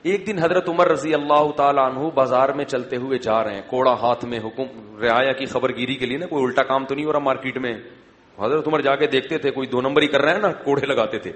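A man's voice: medium pitch, steady tone, fairly bright tone. A man giving an Islamic sermon, telling stories and asking his listeners questions. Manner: storytelling, asks the audience questions. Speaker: preacher. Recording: long hall reverb.

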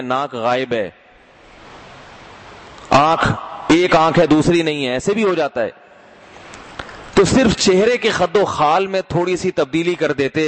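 A middle-aged man preaching a sermon, lively and conversational, throwing rhetorical questions at his listeners and calling them brothers. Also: fairly high pitch.

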